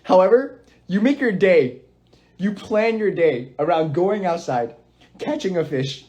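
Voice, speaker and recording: A man's voice: sits high, lively intonation, unhurried, darkish tone, slightly rough. A young man chatting casually on a phone livestream, playful and giggly. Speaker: livestream host.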